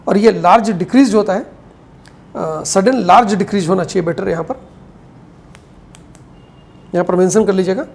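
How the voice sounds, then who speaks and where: A woman's voice: medium pitch, creaky, darkish tone. Woman lecturing chemistry, dictating notes. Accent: Hindi-English mix. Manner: explanatory, poses questions and answers them, slows to dictate notes. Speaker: chemistry teacher. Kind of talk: classroom lecture.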